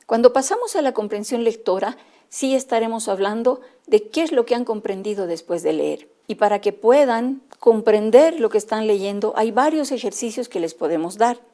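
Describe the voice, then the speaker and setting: A woman's voice: fairly high pitch, animated, normal speed, mellow. A woman with a Bolivian Spanish accent giving a methodical instructional lecture to teachers, spelling out letters and sounds one by one. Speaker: teacher trainer.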